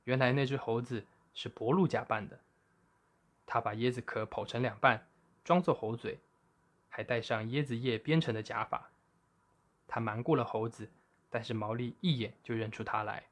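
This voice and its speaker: A male storyteller who reads a children's tale aloud. He keeps his voice at an ordinary middle pitch and tells the story with lively expression. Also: normal speed.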